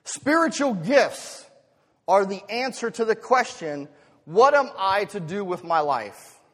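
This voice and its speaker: Speaking slowly and very animatedly, an American man gives a sermon in a fairly high voice that echoes with long reverb through a large hall. Like a pastor, he asks the congregation rhetorical questions, swinging from conversational asides to emphatic swells.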